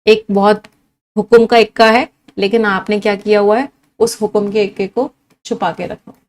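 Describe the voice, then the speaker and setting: A young adult woman with an Indian English accent teaches an exam-prep vocabulary lesson in a medium-pitched voice with little pitch movement, at normal speed. She mixes Hindi and English, repeats words, and quizzes the viewer.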